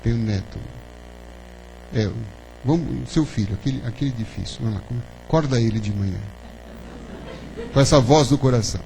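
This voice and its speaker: A man with a warm, creaky, mid-range voice talks at a moderate pace, pausing often, as he gives a spiritist lecture to an audience. He's conversational, asking listeners plenty of questions and using the tag "né?". Recorded roughly in a spiritist center's lecture hall, with a faint background hum.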